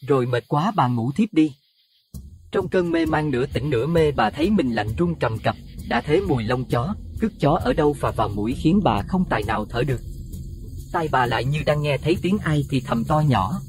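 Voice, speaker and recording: Male narrator, dramatic horror audio story, lively pitch, dry close sound. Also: breathy edge, dry recording. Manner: expressive, rising to alarm at scary moments.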